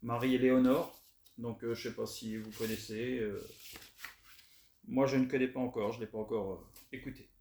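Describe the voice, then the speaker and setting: A man chatting casually as he shows off his record finds, relaxed and hesitant with many fillers. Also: medium pitch, moderate pace. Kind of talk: casual unboxing chat. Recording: roomy echo, faint noise.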